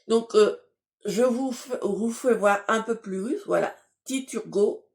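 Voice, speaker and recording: Slow-talking chatty woman. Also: a little high, darkish tone. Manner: chatty, hesitant, many fillers and restarts; laughs at herself. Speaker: beauty box unboxing vlogger. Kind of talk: casual unboxing chat.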